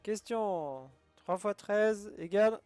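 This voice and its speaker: Chatty guy playing a video game, talks thru his moves, kinda high voice, faint music behind. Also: expressive, takes it slowly, darkish tone, clear, resonant tone, dry recording. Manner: chatty, thinks aloud, laughs often. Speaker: gaming youtuber. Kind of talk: let's play commentary.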